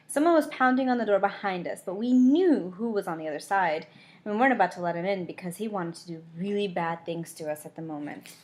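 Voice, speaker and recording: A woman's voice: mid-range voice, expressive, fast talker. A woman reading a novel chapter aloud, often breaking off to comment and joke about the story. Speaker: audiobook reader.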